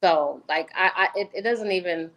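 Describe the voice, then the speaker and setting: A woman's voice: on the low side, normal speed, a bit bright, rough recording. Emphatic woman in casual chat. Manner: emphatic, repeats herself. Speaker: podcast co-host.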